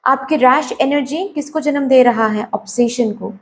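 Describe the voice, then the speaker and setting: A woman with a slightly hoarse, sore throat giving a tarot reading to her viewers, advising them and often checking "okay?" while mixing in English phrases. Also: sits high, normal speed. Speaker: tarot card reader.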